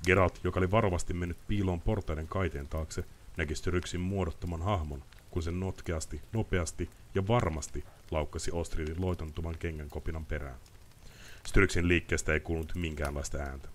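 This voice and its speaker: A man's voice: low-pitched, a little hiss or hum. A man reading a novel aloud on a live stream, with casual asides. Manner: lively reading with chatty asides. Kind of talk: audiobook-style reading.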